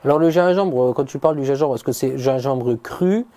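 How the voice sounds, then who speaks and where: A man's voice: mid-range voice, a little fast, dark tone. Eager, stammering man host. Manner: eager, stammering questions, repeats words. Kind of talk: casual chat.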